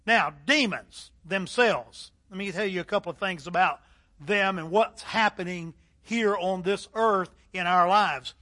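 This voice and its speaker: Middle-aged male preacher, high ringing tone, emphatic sermon delivery with dramatic pauses. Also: sharp tone. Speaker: pastor.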